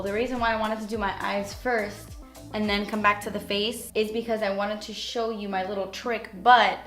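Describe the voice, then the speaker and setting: A woman's voice: medium pitch, fairly bright tone. Chatty young woman doing a makeup tutorial. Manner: chatty, frequent "like" fillers. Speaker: beauty vlogger.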